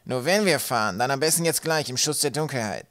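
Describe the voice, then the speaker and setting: A man voicing a hot-headed, mocking male sky pirate with a sharp tone. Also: medium pitch, a little fast, voice pushed up, close to an everyday voice. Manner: sharp, scornful.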